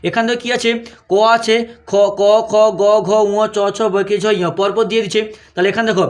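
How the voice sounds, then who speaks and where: Male teacher with a high voice for a primary lesson, slow sing-song drilling, keeps checking the pupils follow. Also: fairly even intonation. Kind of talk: primary school lesson walkthrough.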